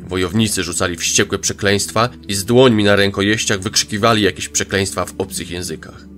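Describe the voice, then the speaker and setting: A man narrating a fantasy audio drama in a measured, dramatic way. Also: fairly low pitch, fairly even intonation, a bit bright. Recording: narration over faint music.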